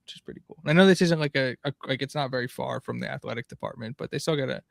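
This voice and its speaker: A man's voice: medium pitch, racing, gravelly, no echo, studio quality. A man co-hosting a casual sports podcast, talking in a chatty, rambling way with many fillers. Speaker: podcast co-host.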